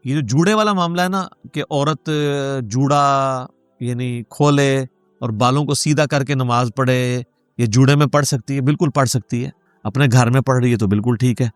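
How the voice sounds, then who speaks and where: A man's voice: mid-range voice, no echo, soft background music. A man giving a religious question-and-answer lecture, explaining rulings and citing hadith in a patient, explanatory way. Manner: explanatory, cites hadith, code-switches English words.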